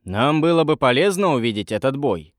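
A man voicing a calm, practical sailor who speaks in a measured way. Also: mid-range voice, no room sound, studio quality, natural voice.

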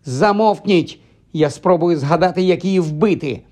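A man voicing an excitable, know-it-all schoolgirl in an audiobook, squealing high and flustered. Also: normal speed. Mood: shrill fussy.

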